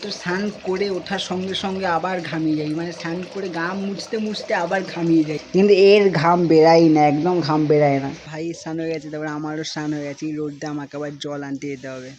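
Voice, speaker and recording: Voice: medium pitch, fairly even intonation, quick pace, few pauses. Chatty vlogger. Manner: chatty, keeps grumbling about the heat; talks a little softly beside the road. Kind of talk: casual vlog talk to the camera. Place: outdoors around home and street. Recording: noisy outdoor phone audio.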